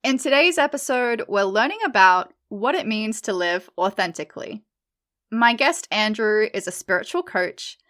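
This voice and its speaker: A woman's voice: medium pitch, a bit bright. A woman hosting a podcast interview, opening with a prepared welcome and then chatting in a friendly way with her guest. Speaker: podcast host.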